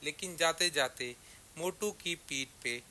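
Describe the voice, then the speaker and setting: A man tells a children's story at an unhurried pace, in a bright, clear voice. Each line is read slowly and deliberately. A faint hiss sits under the recording. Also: a little high. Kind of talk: scripted children's story narration.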